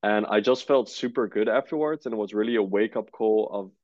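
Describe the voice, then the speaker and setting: A young man in his 20s from the Netherlands, co-founder of a startup, talks briskly in a relaxed interview. His low, slightly mellow voice comes with many "uh" fillers and an easygoing manner, captured in dull audio without room sound.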